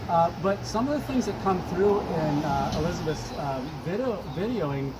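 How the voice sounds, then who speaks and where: A man in his fifties hosts a relaxed street interview outside a shop for his vlog, talking in a rambling way with frequent fillers and laughs. He sounds expressive and high-pitched at a normal speed, and the recording is very noisy.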